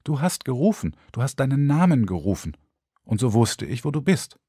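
A man reading an audiobook, voicing a blunt, sharp-tongued blind teenage girl in a raised higher voice. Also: very animated, normal speed, breathy edge, no room sound, studio quality. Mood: calm insistence. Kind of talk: audiobook character voice.

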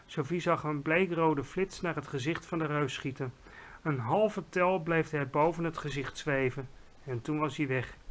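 Expressive storybook-reading man. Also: on the high side. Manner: lively, expressive narration. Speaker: narrator reading a children's book aloud. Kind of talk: storybook read-aloud.

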